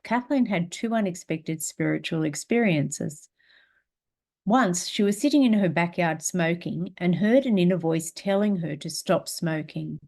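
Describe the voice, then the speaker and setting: A woman teaching a spiritual class, guiding a meditation in a slow, calm, gentle way and reading aloud. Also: lowish voice.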